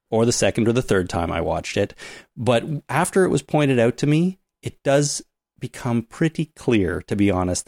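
A man's voice: medium pitch, a little mellow, no room sound, studio quality. A man co-hosting a casual podcast, explaining things at length and giving spoiler warnings. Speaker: podcast co-host.

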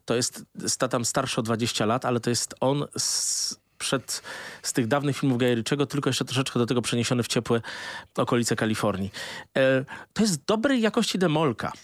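A man with a middle-pitched voice co-hosts a casual film review. He makes wry, short remarks. The recording is dry and close. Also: lively intonation, normal speed, no echo.

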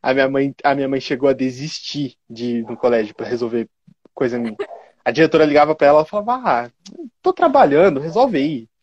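A man's voice: medium pitch, darkish tone, highs cut off. A young man, telling school stories in casual chat and acting out the quotes. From Curitiba, Brazil. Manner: quick, laughing storyteller who acts out quotes.

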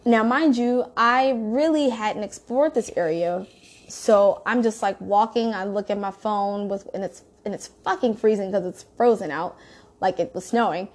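A woman's voice: mid-range voice, moderate pace. A woman telling a story in a casual, rambling way, swearing freely. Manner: profane, rambling, animated storytelling.

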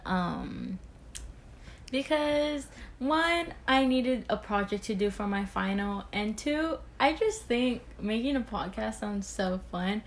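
A teenage girl co-hosting a casual podcast with her boyfriend, giggling often and talking a little awkwardly. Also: mid-range voice. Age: teens. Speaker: podcast co-host.

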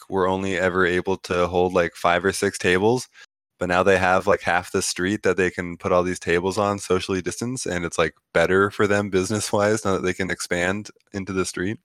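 A man's voice: low voice, level tone, moderate pace, a bit bright, clean tone, no room sound. A young man hosting a casual podcast chat, steering the topics with dry, understated humor. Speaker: podcast host.

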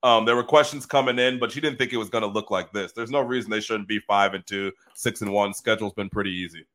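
A man co-hosting a sports podcast, talking in casual, animated, profane banter, often laughing. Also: fairly low pitch, fast talker.

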